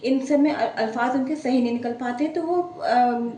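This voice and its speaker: A woman teaching Urdu pronunciation, her voice mellow and a little high. She sounds set back from the mic in a very echoey room with faint hiss behind her. She contrasts right and wrong word forms and keeps checking in. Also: normal speed, distant mic. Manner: corrects word pairs, repeats "theek hai". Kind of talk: pronunciation lesson.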